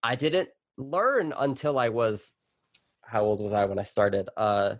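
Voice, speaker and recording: The recording is studio quality with no echo, and his low voice moves a little slowly. A young spider scientist, Colombian by birth and raised in NYC, he speaks as a relaxed, talkative interview guest, often restarting and leaning on fillers.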